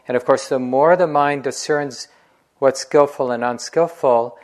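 Man giving a relaxed dharma talk. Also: medium pitch, a little slow. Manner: relaxed, conversational storytelling with light laughs. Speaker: meditation teacher.

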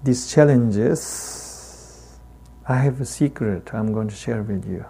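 In a dharma talk, a male Tibetan teacher with a pronounced native accent moves slowly through halting phrases, pausing at length between them. The voice is mid-range, warm, husky and gravelly.

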